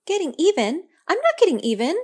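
A woman voicing an upset young girl who talks in a high, huffy, insistent way. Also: sing-song, moderate pace, breathy edge. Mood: indignant.

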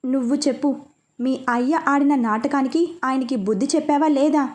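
A woman's voice: high voice, normal speed, a little mellow, close to an everyday voice. Woman reading as a fiery possessive young man. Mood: heated. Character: hot-tempered, possessive young man in love.

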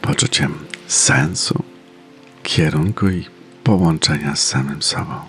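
A man narrating a guided meditation in a soft, soothing, unhurried manner with pauses between phrases. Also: rumbling low. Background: faint music.

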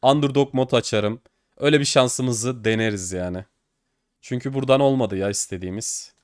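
A young man giving casual commentary while opening game cases online. He gets excitable, swears and pleads at the screen. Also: medium pitch, normal speed, clean tone, no echo, clean studio sound. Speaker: case-opening streamer.

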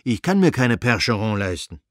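A man voicing a blunt, reactionary male landowner with a gray moustache, in a gruff, scornful manner for a read-aloud novel. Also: on the low side, very animated, moderate pace, no room sound, studio quality.

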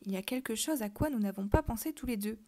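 A woman voicing a calm, protective young girl who speaks in a hushed, whispery murmur while reading a story aloud. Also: a little high, fast, close to an everyday voice. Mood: earnest.

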